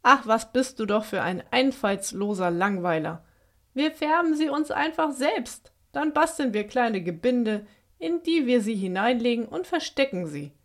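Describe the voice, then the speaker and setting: An aging storybook witch, lonely and stubborn, who scolds in a huffy way, put on by a woman reading aloud. She talks with a slightly raised pitch and swings quickly between grumbling and begging. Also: lively intonation.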